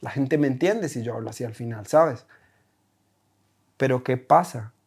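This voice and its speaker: A man with a Costa Rican accent, a German teacher talking as a guest in an interview, animated and full of rhetorical questions. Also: medium pitch, moderate pace, breathy edge. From Costa Rica. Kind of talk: conversational interview.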